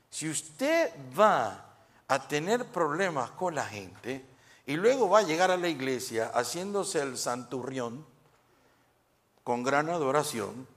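A man's voice: medium pitch, a bit bright. A male pastor preaching a sermon, conversational and humorous, often checking in with his congregation.

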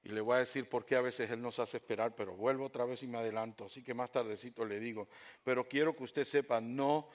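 A male pastor preaching a sermon, swinging between loud impassioned stretches and hushed asides, often asking the congregation questions. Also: mid-range voice, fairly even intonation, fast. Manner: addresses congregation with rhetorical questions.

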